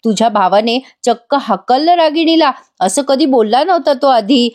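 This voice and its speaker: A woman's voice: high voice, expressive, normal speed, a little mellow. A woman voicing an aggrieved, complaining man. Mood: resentful. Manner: resentful, complaining. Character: aggrieved, complaining middle-aged brother-in-law.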